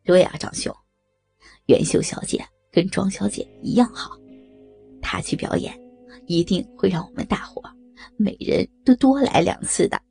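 Woman playing sleazy middle-aged tycoons, gravelly, husky, lower than her own voice, lively swoops, storybook. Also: moderate pace, no echo, faint music behind, heavily acted. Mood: leering. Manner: sleazy, mocking banter. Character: leering middle-aged male businessmen.

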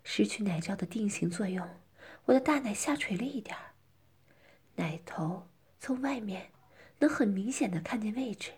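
Breathy whispering woman narrator. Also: medium pitch, animated, normal speed, darkish tone. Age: middle-aged. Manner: breathy, often whispered, coy. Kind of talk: whispered role-play.

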